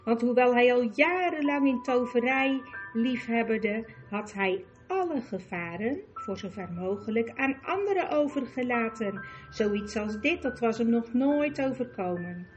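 A woman narrating a children's fantasy audiobook in a calm, clear storytelling manner. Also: on the high side, a little slow, dull audio, soft background music.

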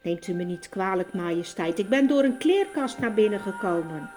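A woman's voice: mid-range voice, expressive, moderate pace, music in the background, lightly acted. A woman voicing a timid, frightened young boy in an audiobook, hesitant and deferential. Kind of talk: audiobook character voice.

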